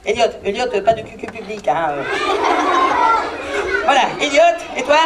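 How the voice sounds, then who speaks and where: A woman performing as a clown for children, playfully bossing her volunteer helpers and breaking into comic yelps and shouts. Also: fairly high pitch, big pitch swings, normal speed, a loud crowd. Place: large indoor hall with a live audience. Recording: live hall recording with loud audience noise.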